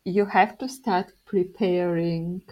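A young Bulgarian woman, accent clearly Bulgarian, appears as a guest in a laid-back interview on a muffled recording. She speaks in a lowish voice with fairly even intonation, unhurried and quick to laugh.

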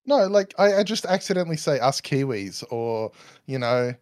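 A man's voice: on the high side, expressive, moderate pace, a little mellow, clear, resonant tone, no room sound, clean studio sound. A man with a mild Australian accent, co-hosting a podcast in casual chat over a call, rambling and cutting himself off as he tells stories. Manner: rambling, self-interrupting storyteller. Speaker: podcast co-host.

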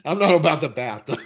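A man who is a coach, chatting as a podcast guest in a relaxed way, laughing easily and trailing off mid-thought. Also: on the high side, slightly rough. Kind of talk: casual chat. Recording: dull lo-fi sound.

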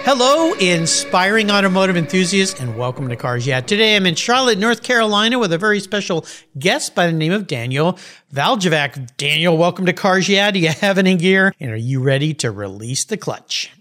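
A man hosting an interview podcast in casual chat, enthusiastic and quick with exclamations. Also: high voice, big pitch swings, sharp tone, slight background noise. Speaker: podcast host.

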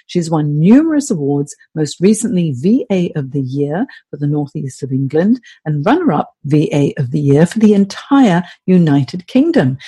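A woman's voice: on the low side, dark tone, breathy edge. A woman hosting a podcast, presenting and interviewing in a conversational style. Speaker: podcast host.

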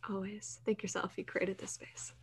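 A podcast co-host in her late twenties talks through her thoughts in a casual, reflective way. Her voice has a creaky vocal fry, and filler words pepper her sentences. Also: mid-range voice, flat delivery, normal speed. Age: late 20s. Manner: reflective, chatty, many "like" fillers.

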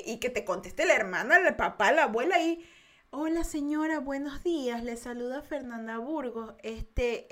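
A young adult woman with an Ecuadorian accent chats through a podcast story. Her high voice swoops all over the place, and she giggles and breaks into little impressions of the people in her story. She often restarts mid-sentence in a loose, confessional way. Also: pushed and bright. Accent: Ecuadorian Spanish. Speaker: podcast host.

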